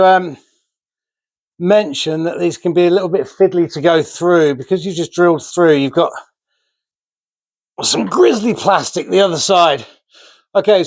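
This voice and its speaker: A man's voice: sits high, a little mellow, dry recording. Chatty man, dry close sound. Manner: chatty, self-deprecating, talks while working with hands. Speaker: DIY vlogger. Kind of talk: casual how-to narration while building. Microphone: remote mic.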